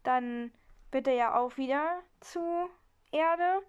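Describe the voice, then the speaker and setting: A woman chatting casually and playfully as she answers a quick word quiz. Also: high voice, clean tone, muffled recording. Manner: playful, quick to laugh and ask "what?". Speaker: quiz participant. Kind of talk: casual chat. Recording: call audio, hard to hear.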